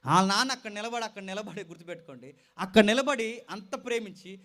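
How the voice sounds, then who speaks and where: High-voiced impassioned male preacher. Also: lively intonation, quick pace. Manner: impassioned, swings from loud exhortation to quiet storytelling; addresses listeners directly and repeats phrases for emphasis. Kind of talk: sermon with storytelling.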